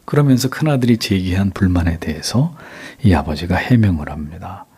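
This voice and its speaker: A middle-aged male pastor preaching a sermon, acting out a father's words in a soft, tender voice and then rising to lively emphasis. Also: low voice, a little fast, slightly rough.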